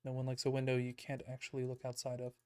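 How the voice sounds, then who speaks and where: A man's voice: mid-range voice, quick pace, clean tone. Chill guy streaming a game, talks to himself while he plays, kinda out of breath, music playing behind him. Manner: relaxed, self-deprecating, thinking aloud. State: a little out of breath. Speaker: let's play streamer. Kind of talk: casual gameplay commentary. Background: background music.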